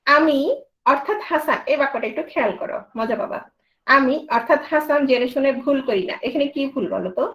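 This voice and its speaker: High-voiced woman teaching grammar. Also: expressive, fairly quick, a bit bright, rough recording. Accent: Bangladeshi Bengali. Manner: quizzing students with questions, then answering. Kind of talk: grammar lesson.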